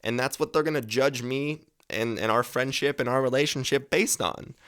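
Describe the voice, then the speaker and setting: A man's voice: mid-range voice, moderate pace, fairly bright tone, clear, resonant tone. A man in his twenties hosting a podcast, giving advice in a casual, rambling monologue, swearing freely and correcting himself as he goes. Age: 20s. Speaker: podcast host.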